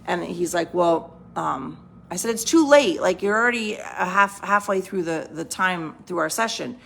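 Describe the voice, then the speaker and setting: A woman's voice: fairly low pitch, normal speed, gravelly, bright, forceful tone. A woman vlogger talking casually to camera from home, chatty and rambling, often checking in with "right?". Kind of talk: casual motivational talk to camera. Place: home, on the couch.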